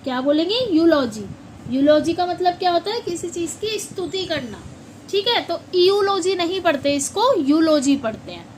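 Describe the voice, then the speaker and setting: A woman teaching English pronunciation in a classroom style, repeating words slowly and asking questions back. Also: extremely high pitch, lively intonation, a little hiss or hum, poor audio.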